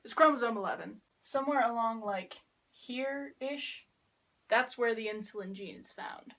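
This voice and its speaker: A teenage girl making a class video, explaining a biology topic in a casual, wry, deadpan way while kneeling to draw with chalk. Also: fairly high pitch, moderate pace, poor audio. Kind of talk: casual explainer with sarcastic asides. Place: kneeling on the ground drawing with chalk.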